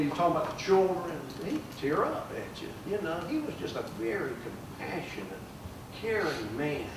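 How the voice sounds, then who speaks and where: A man's voice: a little high, distant mic, noisy background. An older man, a judge giving a folksy memorial speech with many fillers. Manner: folksy, warm storytelling with fillers. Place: large room at a plaque dedication. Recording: echoey room, mic from afar.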